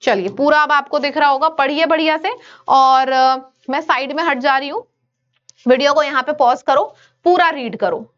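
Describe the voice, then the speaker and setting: A woman with an Indian accent teaching an online exam-prep vocabulary lesson, brisk and coaxing, switching between Hindi and English. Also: high-pitched, a bit bright, muffled recording.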